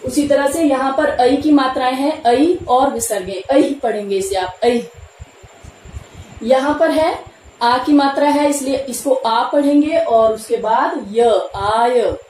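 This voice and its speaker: High-voiced woman teaching in an echoey room. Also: darkish tone. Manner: patient, repeats key terms slowly. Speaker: Sanskrit teacher. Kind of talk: classroom lesson explaining grammar. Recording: echoey room, faint background noise.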